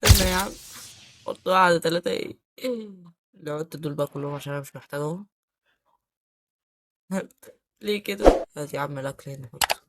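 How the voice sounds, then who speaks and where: A man's voice: fairly high pitch, brisk, long pauses, background noise. Young Egyptian man, casual gaming commentary, melodramatic and whiny, big swings from mutter to wail. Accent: Egyptian Arabic. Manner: melodramatic, wailing in mock despair. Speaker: gaming YouTuber.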